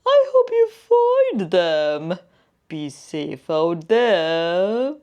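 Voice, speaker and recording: A woman voicing a chomping caterpillar in a storybook tale, with a soft, muffled and kindly way of speaking. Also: lowish voice, very animated, extremely slow, heavily acted.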